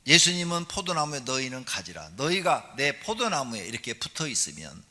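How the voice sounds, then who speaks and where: A man preaching a sermon as a pastor, animated, acting out scenes with voices and leading the congregation in call-and-response. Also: brisk. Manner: animated preaching, acts out a nagging wife in a high voice. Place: large church hall. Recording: church hall with long reverb.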